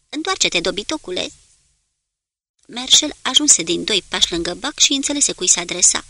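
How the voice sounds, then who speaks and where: A woman narrates a naval war story as an audiobook, her delivery steady and measured. Her voice is bright and forward, sitting at an ordinary pitch for a woman. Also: no room sound.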